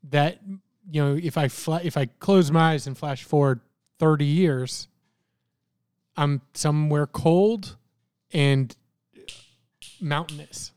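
A man from South Florida with a somewhat high voice, co-hosting a casual podcast chat. He thinks out loud in quick, reflective tangents. The recording is dry and close. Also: smooth, dry recording. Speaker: podcast co-host.

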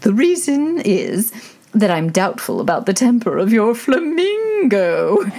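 A woman's voice: a little high, sing-song, warm tone, voice pushed up, full character voice. A woman voicing a fussy old duchess who drags out her words pompously, as if moralizing. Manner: slow, drawn-out and pompous.

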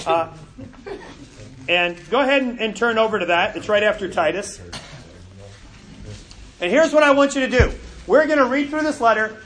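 A middle-aged man leads a Bible class in a high, bright voice. He talks in a lively, conversational way and often repeats a word before he carries on. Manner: animated and conversational, with frequent repeated words. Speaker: Bible teacher. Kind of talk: classroom lecture.

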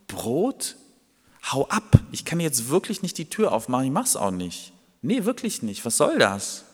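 A man's voice: mid-range voice, in a large hall. A man acting out an irritated man, woken at midnight by a friend, who scolds him for knocking. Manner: irritated, scolding, hushed at times.

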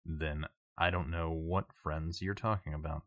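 A man doing a cold, menacing crime boss in a tabletop game, his voice deep and dropped low, hard and bright at the edges. He talks in clipped, quiet threats, recorded close and dry. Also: steady tone, unhurried, no room sound. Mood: cold menace.

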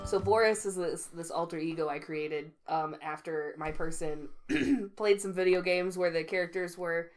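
A woman's voice: on the low side, moderate pace, few pauses, soft background music. A woman co-hosting a podcast, telling rambling stories in casual chat and laughing often. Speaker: podcast co-host.

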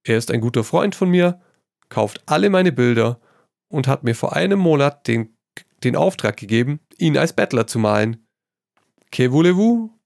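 A man's voice: mid-range voice, moderate pace, gravelly, no echo, clean studio sound, pitched above the performer's own voice. A man reading a story aloud, voicing a witty, worldly painter who teases his friend and tosses in French phrases. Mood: teasing. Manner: lively, amused, tossing in French phrases. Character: witty amused male painter, worldly and teasing.

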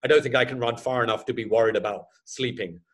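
A man in his fifties, an ultra runner chatting casually about his races, self-deprecating and quick to laugh. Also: mid-range voice, steady tone. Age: 50s. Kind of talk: casual chat.

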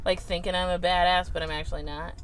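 A woman's voice: lowish voice, level tone, fast talker. A playful, slangy woman guest in a casual, sweary chat, recorded outdoors on a boat. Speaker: podcast guest, potter. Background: boat and outdoor noise.

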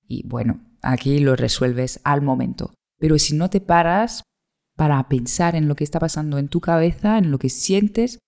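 A woman from in her thirties talks straight to her listener in a solo podcast monologue. Her voice is mellow and warm, and she sounds like a coach sharing tools. Her delivery is reflective and unhurried. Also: low voice. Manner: reflective, conversational, gently coaching. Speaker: podcast host.

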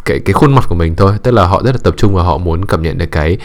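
A man giving calm dating and communication advice in a measured monologue, pausing often with hesitant fillers and dropping in English words. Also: sits low.

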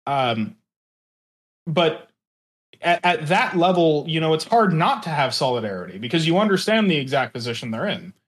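Earnest man explaining, slightly high voice. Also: sing-song, moderate pace. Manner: earnest, hedging, often checks with "right?". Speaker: interview participant. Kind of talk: conversational opinion and explanation.

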